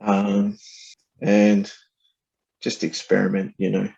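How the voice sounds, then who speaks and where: A male rapper chatting casually as a podcast guest. His voice is lowish, soft-edged and mellow, with very little rise and fall, and his manner is relaxed and slangy. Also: slow pace, gravelly, highs cut off. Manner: laid-back, slangy, loosely phrased. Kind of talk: casual chat.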